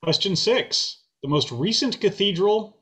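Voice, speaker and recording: A man hosting a trivia game over a video call. His voice sits a little high, and he reads the answers out slowly and steadily. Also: lively intonation, fairly bright tone. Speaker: trivia quizmaster.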